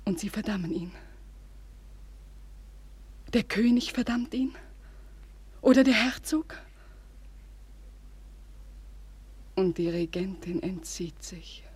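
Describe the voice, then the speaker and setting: In a classical German radio drama monologue, a woman plays a desperate, devoted young lover of a condemned hero, her medium-pitched, darkish voice extremely breathy and often sinking toward a whisper. She sounds anxious and stunned, declaiming slowly, haltingly and intensely.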